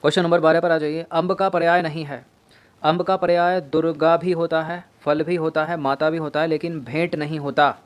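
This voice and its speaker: A man's voice: a little high, flat delivery, a little fast. Man drilling Hindi spelling answers. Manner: quizzing, repeating words to drill spelling. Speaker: teacher. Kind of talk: exam-prep lesson walking through answers.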